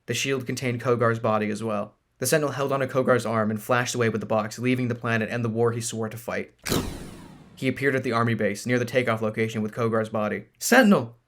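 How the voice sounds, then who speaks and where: A man reads a science-fantasy novel aloud as the narrator, in a steady, plain voice at a middle pitch. His delivery is even and unhurried, like an audiobook chapter.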